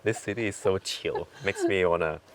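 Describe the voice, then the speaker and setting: A man's voice: sits low, normal speed, a little hiss or hum. A man with a Cantonese accent chatting casually as a travel vlogger. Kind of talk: casual chat to camera.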